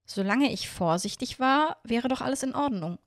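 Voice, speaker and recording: A woman's voice: high-pitched, expressive, moderate pace, dry recording, studio quality. Woman reading a storybook aloud. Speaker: audiobook narrator. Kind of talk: first-person storybook narration.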